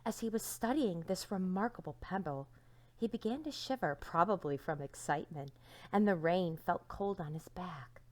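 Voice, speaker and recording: A woman teacher reading a storybook aloud to young children, with dramatic emphasis and hushed endings to her phrases. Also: fairly low pitch, animated, normal speed.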